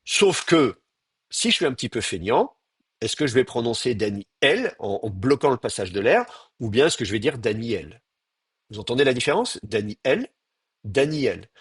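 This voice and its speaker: A man's voice: mid-range voice, big pitch swings, a little fast, breathy edge, dry recording, clean studio sound. A man from France, giving a university lecture and patiently explaining, with hesitant fillers and spoken demonstrations of pronunciation.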